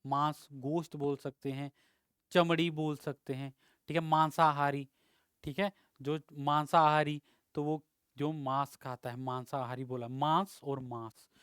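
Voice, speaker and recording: A man's voice: a little high, flat delivery, measured pace, a bit bright, clean tone, no echo, studio quality. A male teacher giving an exam-prep Hindi lesson, explaining words with rhetorical questions and frequent checks of "ठीक है".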